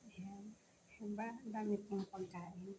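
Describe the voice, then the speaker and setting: A noisy recording with roosters behind a Filipino woman vlogger. She talks at a medium pitch with the speech of someone missing front teeth. She chats casually to her viewers between bites of food. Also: level tone, a little slow. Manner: talks while eating, savouring with small hums. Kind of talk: casual mukbang chat to viewers.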